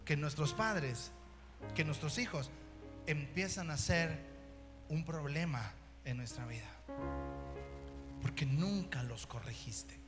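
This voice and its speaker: A middle-aged man with a Mexican Spanish accent, preaching an animated sermon as pastor and mimicking children and parents. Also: a little high, slow pace, long pauses. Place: church hall. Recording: long reverb in a church hall, music behind.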